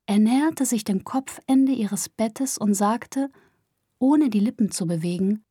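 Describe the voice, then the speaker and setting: A woman narrating a story aloud in a calm, measured way. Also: fairly high pitch, husky, dry recording, clean studio sound. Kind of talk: scripted audiobook narration.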